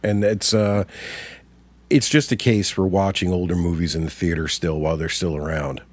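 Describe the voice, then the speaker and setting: Man in his forties, fairly low voice, dry close sound, blunt and opinionated, casual movie talk, swears freely. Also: steady tone, moderate pace, dry recording. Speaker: podcast co-host.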